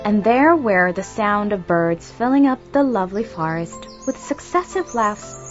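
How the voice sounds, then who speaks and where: Animated woman reading a children's story. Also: mid-range voice, a little slow. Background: background music.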